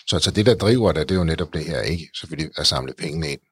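A male host with a very low, husky voice asks encouraging questions, stumbling over words and repeating himself as he goes. His voice is picked up close and dry, with no room echo. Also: lively intonation, a bit bright. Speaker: podcast host. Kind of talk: interview conversation.

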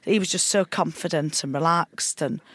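A woman comedian chatting casually on a podcast, agreeable and quick to add "isn't it". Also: deep voice, a bit bright, husky, dry recording, studio quality. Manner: chatty, agreeable, frequent tag questions. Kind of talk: casual chat.

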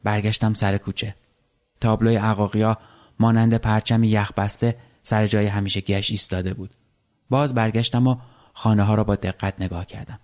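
A man calmly reading a literary short story aloud in the first person. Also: lowish voice.

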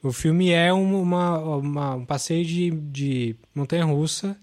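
A man's voice: a little high, measured pace, a little mellow. Guy hosting a film podcast, gets really into it, rambly with lots of "assim". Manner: enthusiastic, rambling, many fillers. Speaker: podcast host. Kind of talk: casual film chat.

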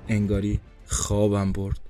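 A man's voice: fairly low pitch, monotone, dark tone, faint music behind. A man narrating a first-person story for a podcast he writes, in a tense, introspective inner-monologue manner.

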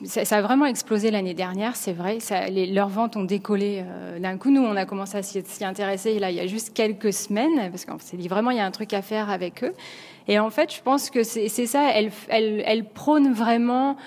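A woman's voice: mid-range voice, steady tone, a little fast, a little mellow, in a large hall. A French woman talking casually in an interview, with many fillers and restarts as she works out her thoughts. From France. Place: New York.

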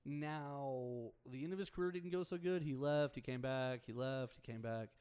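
A man's voice: medium pitch, moderate pace, darkish tone, clean tone. A young man hosting a local sports radio show, chatting loosely with jokes and asides. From Houston area, Texas. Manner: joking, loose banter with asides. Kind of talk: casual sports radio chat.

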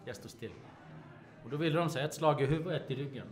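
A man's voice: fairly high pitch, faint music behind. A man, a guest actor, telling a story in an emphatic, vivid way. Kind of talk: casual anecdote telling.

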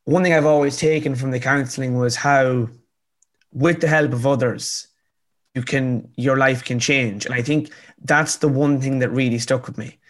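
A man's voice: mid-range voice, fairly even intonation, moderate pace. Earnest young man, rural Irish accent. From County Cavan, rural Ireland. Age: 20s. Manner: earnest, emphatic, repeats phrases for effect. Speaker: interview guest, author. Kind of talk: conversational motivational storytelling.

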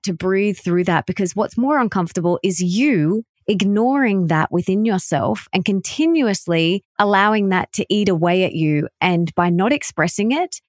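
A woman's voice: mid-range voice, dry recording, studio quality. A woman hosting a podcast, talking in an earnest, encouraging way. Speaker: podcast host. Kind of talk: conversational interview.

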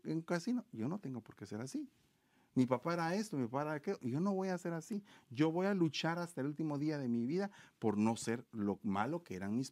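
A man's voice: on the high side, warm tone, dry recording. Earnest preaching man, dry close sound. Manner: earnest, moralizing, emphatic rhetorical questions. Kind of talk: preaching-style marriage talk.

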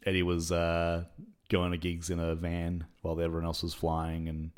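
A man's voice: deep voice, completely flat delivery, normal speed, a little mellow, clear, resonant tone. A man co-hosting a podcast, talking casually and rambling with lots of fillers and little laughs. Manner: rambling, many fillers, laughs between points. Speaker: podcast co-host. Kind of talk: casual chat.

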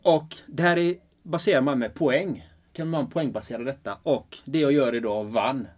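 A man speaking earnestly and enthusiastically as a life purpose coach in a relaxed conversation, often restarting his sentences. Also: mid-range voice. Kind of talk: casual conversation.

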